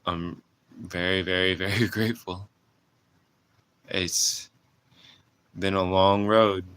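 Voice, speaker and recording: A young man in his late twenties speaks in a reflective personal vlog, earnest and halting as he restarts his sentences. His voice sits very low but sounds bright and clean. He stays fairly even in pitch throughout. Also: clean tone. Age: 20s. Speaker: vlogger.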